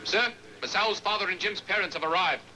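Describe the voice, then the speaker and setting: Brisk army aide in a dubbed monster movie, high voice, really sharp, dutiful. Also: male voice, slight background noise, poor audio. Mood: urgent, dutiful. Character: brisk, dutiful military subordinate reporting to general. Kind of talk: dubbed science-fiction monster film acting.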